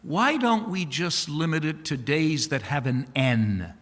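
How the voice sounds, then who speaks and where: Man reads a calm, frank doctor; bright tone, long hall reverb. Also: a little high, unhurried. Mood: advising.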